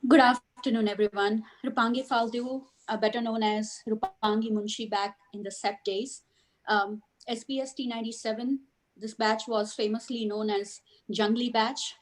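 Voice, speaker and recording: A woman's voice: fairly high pitch, steady tone, normal speed, poor audio. A woman from India giving a self-introduction to a group on a video call. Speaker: call participant.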